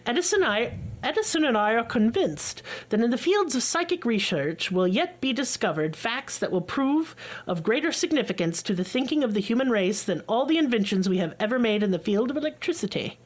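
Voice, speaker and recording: A woman voicing an old-timey mustached gentleman as she reads a formal diary quote aloud. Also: a little high, sing-song, brisk. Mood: solemn.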